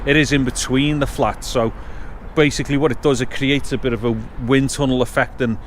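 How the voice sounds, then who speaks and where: A man's voice: mid-range voice, steady tone, brisk. A man chatting casually and thinking aloud as he tests microphones outdoors, with wind on the mic. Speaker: vlogger testing microphones. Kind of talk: casual unscripted gear-test chat. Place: outdoors between blocks of flats. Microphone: action camera internal and external mics.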